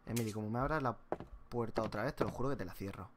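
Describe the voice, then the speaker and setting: A gameplay YouTuber with a Spanish accent from Spain comments on a horror game as he plays, sounding jumpy and scared, muttering with sudden yelps. His voice is on the low side and fast, with heavy background noise.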